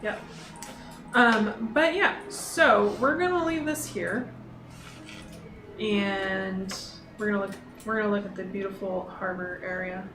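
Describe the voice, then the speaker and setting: A woman's voice: medium pitch, unhurried, pauses often. A woman hosting a casual chat while touring a game world, playful and giggly. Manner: playful, giggly, slips into a pirate voice. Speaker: host. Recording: echoey room with steady noise.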